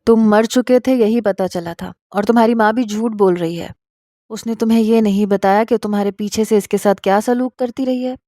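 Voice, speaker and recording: A teasing young husband from a storybook, all banter and mock complaint, as a woman reads him in her own mellow voice. The sound is dry and close. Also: medium pitch, no room sound, natural voice. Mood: defiant.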